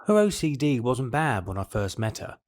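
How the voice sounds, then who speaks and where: A medium-pitched male voice with big pitch swings moves at normal speed, lightly acted. He voices a resigned, patient middle-aged husband and father in an audio drama, giving confessional monologue and dialogue with a weary, matter-of-fact manner.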